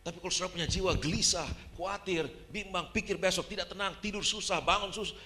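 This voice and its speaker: A male pastor with an Indonesian accent, preaching a sermon in an animated way that swings between loud, high passages and quiet, low ones, with English phrases mixed in. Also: fast talker.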